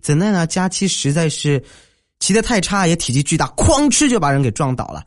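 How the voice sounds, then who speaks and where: Animated male comic storyteller. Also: on the high side, fairly quick, dry recording, studio quality. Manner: lively storytelling, mimics others' voices. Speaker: host. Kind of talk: comic anecdote narration. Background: faint music.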